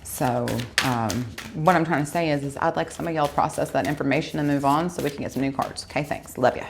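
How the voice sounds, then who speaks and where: Low gravelly-voiced woman reading tarot. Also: steady tone, a little fast, background noise. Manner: chatty, talks straight to viewers, corrects herself aloud. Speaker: tarot reader. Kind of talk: casual tarot reading to viewers.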